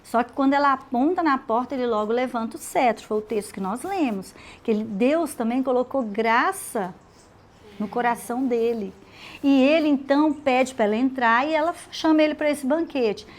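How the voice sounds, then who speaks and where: A woman teaching a women's Bible study, retelling the story in a lively way with acted dialogue. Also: high voice, normal speed.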